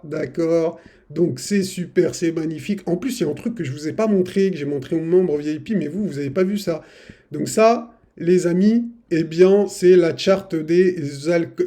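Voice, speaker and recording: A man's voice: fairly high pitch, warm tone. Upbeat man hyping crypto charts. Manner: hype-driven, chummy, addresses viewers as friends. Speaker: crypto trading youtuber. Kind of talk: casual chart analysis to viewers.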